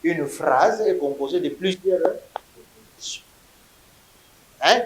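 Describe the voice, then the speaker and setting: A man teaching a class, drilling vocabulary with his students in loud call-and-response before lecturing on grammar. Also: a little high, slow. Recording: echoey classroom.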